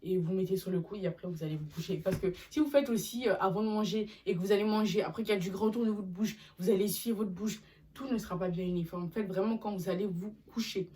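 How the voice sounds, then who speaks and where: A young woman chatting casually in a vlog, animated and slangy as she talks to her viewers. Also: medium pitch, quick pace, distant mic. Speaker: vlogger. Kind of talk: casual haul video chat.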